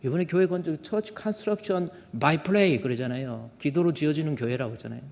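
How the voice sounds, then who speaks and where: A man's voice: a little high, moderate pace, gravelly, a little mellow. A male pastor preaching a sermon in a conversational way, often putting rhetorical questions to the congregation. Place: church sanctuary. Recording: long reverb of a church hall.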